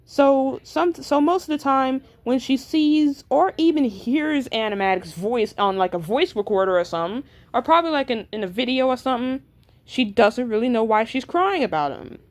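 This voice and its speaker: This woman's voice sits high and moves at a moderate pace. She's a creator casually walking through the background of her own characters, with lots of filler, stuttering and restarted sentences.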